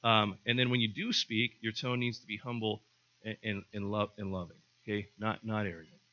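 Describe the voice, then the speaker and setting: A man's voice: fairly low pitch, little pitch movement, fairly quick, bright, forceful tone. A middle-aged male pastor giving a conversational sermon, often repeating words and acting out short exchanges. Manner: conversational, repeats words, acts out little dialogues. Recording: slightly dull lo-fi sound.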